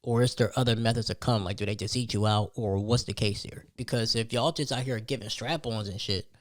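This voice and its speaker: Fairly quick and lowish, with mostly even intonation, a male podcast host delivers a slangy, emphatic rant about his own experience. He keeps circling back to the same phrases and throwing out rhetorical questions.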